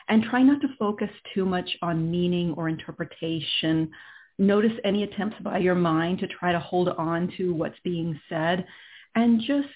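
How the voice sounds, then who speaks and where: A woman leading a guided healing meditation in a soothing, measured way, leaving long pauses between phrases. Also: lowish voice, slightly rough. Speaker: guided healing session host. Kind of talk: slow guided meditation narration. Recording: thin, phone-like narrowband sound.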